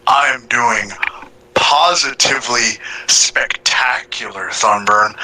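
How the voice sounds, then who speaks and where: A man's voice: medium pitch, slow pace, bright, forceful tone, rough recording. A man talking through a voice changer in a casual roleplay podcast chat, with a boastful, playful swagger. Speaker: podcast regular.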